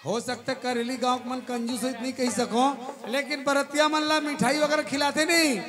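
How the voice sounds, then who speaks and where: A man's voice: extremely high pitch, steady tone, moderate pace. A man with a Chhattisgarhi accent working as a stage magician and host, with teasing, repetitive kids' party magician patter for a child helper and the audience.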